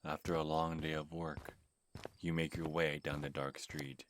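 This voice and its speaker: A man telling a scripted second-person horror story in a calm, measured way. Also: extremely low pitch, background noise. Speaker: narrator and channel host.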